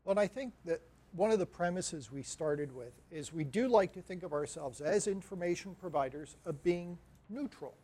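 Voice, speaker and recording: A man, an academic librarian giving a conference talk, animated and wry with light jokes. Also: high-pitched, moderate pace. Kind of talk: conference presentation.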